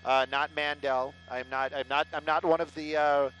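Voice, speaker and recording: A man's voice: on the high side, little pitch movement, moderate pace, a bit bright, muffled recording, faint music behind. A middle-aged man, a helicopter traffic reporter, rambling live on air in a joking, sarcastic, self-deprecating way through a headset mic. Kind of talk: live casual on-air chatter. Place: inside a helicopter in flight.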